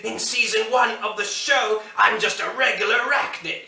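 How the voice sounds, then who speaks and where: High, sly robot spider villain impression. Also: male voice, moderate pace, creaky, pushed and bright, full character voice. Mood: sly, boastful. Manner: switched-in cartoon villain impression voice, rhyming. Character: scheming spider robot scientist, male, sly secretive loner. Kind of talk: theatrical character poem recital. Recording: roomy echo, distant mic.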